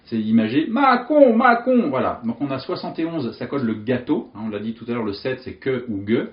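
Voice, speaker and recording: A man teaching memory techniques in an animated, jokey way, telling vivid picture stories. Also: mid-range voice, quick pace, reverberant, lo-fi sound. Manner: lively, animated, jokey storytelling with vivid images. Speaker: memory coach. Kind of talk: explanatory teaching monologue.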